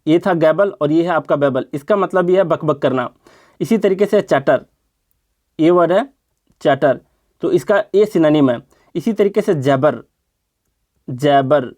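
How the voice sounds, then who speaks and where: Male vocabulary tutor, higher-pitched voice, patient and repetitive, rhetorical questions. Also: a little mellow. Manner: explains step by step, repeating words and asking rhetorical questions. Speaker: vocabulary teacher. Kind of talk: exam-prep vocabulary lesson.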